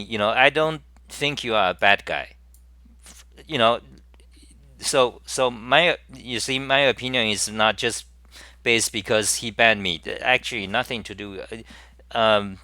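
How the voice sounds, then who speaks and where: A man's voice: medium pitch, sharp tone, no echo, studio quality. A man hosting his own casual live-stream talk show, speaking in a rambling way with many fillers and restarts. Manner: reads viewer chat messages aloud.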